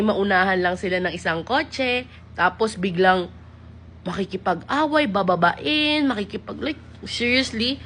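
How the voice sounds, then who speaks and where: A woman's voice: mid-range voice, fairly bright tone, a little hiss or hum. Sassy woman vlogger, exasperated Taglish. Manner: mocks men's lines in a teasing voice. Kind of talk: casual talk to camera.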